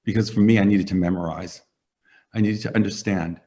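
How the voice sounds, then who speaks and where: A middle-aged man, a hair stylist and formulator, talking in a sit-down interview and telling animated stories with acted-out quotes. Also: fairly low pitch, a little fast. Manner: animated storyteller, acts out quoted voices.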